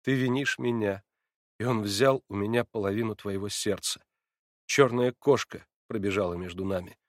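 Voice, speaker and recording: Brief: male reader as a weary, reproachful young woman, soft, dry recording. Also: lowish voice, normal speed, no echo, close to an everyday voice. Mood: sorrowful.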